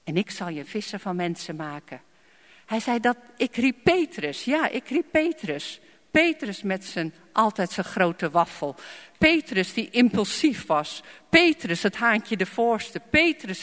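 A woman's voice: a little high, sing-song, measured pace, a bit bright. A woman preaching a sermon and telling her own testimony, emphatic, repeating phrases and asking the audience to respond. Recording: long hall reverb.

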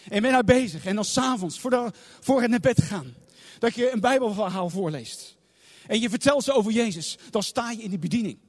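A man's voice: high-pitched, animated, a little fast. A man preaching a sermon with passion, repeating phrases for emphasis. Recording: long reverb of a large hall.

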